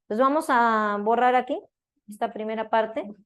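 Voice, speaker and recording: A high-voiced woman gives a philosophy lecture in a classroom. She talks in a chatty, loose way and keeps checking in with her students through tag questions. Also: normal speed. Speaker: philosophy teacher.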